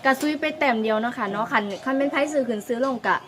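A woman's voice: on the high side, very fast, crowd noise. A woman with an Isan accent hosting a casual field interview, politely ending her phrases with "na kha". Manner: polite, repeats "na kha" often. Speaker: host of a lottery-dream channel.

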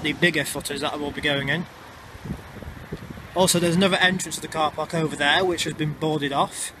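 A vlogger walks through urban streets and an underpass, narrating a tour in a chatty, slightly halting way, his voice a touch high. His handheld camera mic catches plenty of noisy traffic and street ambience.

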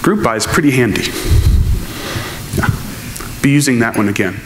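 A man's voice: mid-range voice, animated, normal speed. Man explaining code in an echoey hall. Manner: thoughtful, explains with rhetorical questions. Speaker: conference speaker. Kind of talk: technical keynote with audience questions. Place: large lecture hall, on stage. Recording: echoey lecture hall with faint noise.

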